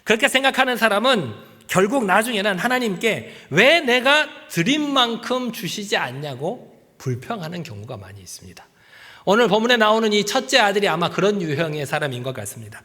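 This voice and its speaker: Lively high-voiced pastor preaching. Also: male voice, brisk. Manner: animated preaching, acts out quoted voices, drops to soft near-whispers. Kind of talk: sermon. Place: church sanctuary. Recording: church hall with long reverb.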